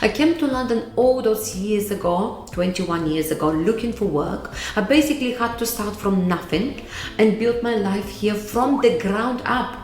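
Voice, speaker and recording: A woman's voice: mid-range voice, normal speed, darkish tone. Earnest Bulgarian-accented woman, echoey room. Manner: earnest, emphatic, repeats key words. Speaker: vlogger giving life advice. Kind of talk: motivational talk to camera.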